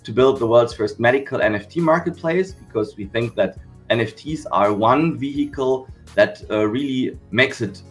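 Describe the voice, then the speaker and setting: A man's voice: mid-range voice, normal speed, faint music behind. A man from Germany, a company founder, explaining his work steadily in a podcast interview. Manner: steady explanatory, repeats "we said okay".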